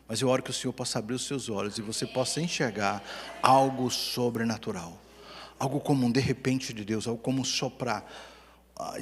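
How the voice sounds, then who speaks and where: Man, Brazilian accent, pastor's sermon, husky voice, hall reverb. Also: medium pitch. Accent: Brazilian Portuguese. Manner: storytelling with humor, lively swings between loud and hushed. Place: church hall.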